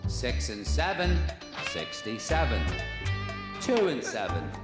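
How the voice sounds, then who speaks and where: Cheeky bingo caller, slow showman patter with big swoops, really echoey. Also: mid-range voice, sing-song. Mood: showy, measured. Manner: cheesy, teasing showman. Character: cheesy, cheeky male bingo hall caller. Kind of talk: bingo caller patter, calling numbers in rhymed calls. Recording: echoey hall PA with loud music.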